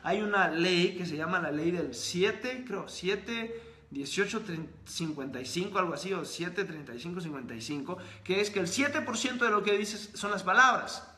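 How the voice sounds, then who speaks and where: Bright, high-voiced man in an echoey room. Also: lively intonation, moderate pace. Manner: emphatic, builds long repeated lists. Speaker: host of a live stream on sales and reading. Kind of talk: live-streamed motivational talk, answering viewer comments.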